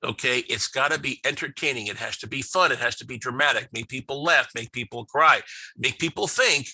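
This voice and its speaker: A middle-aged man lectures on business in a chatty, rambling way, with many fillers and restarts. His voice is very bright and forceful. The sound is close and dry, with no room in it. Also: medium pitch, brisk, slightly rough, dry recording, low-quality recording. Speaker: business speaker. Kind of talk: webinar lecture with slides.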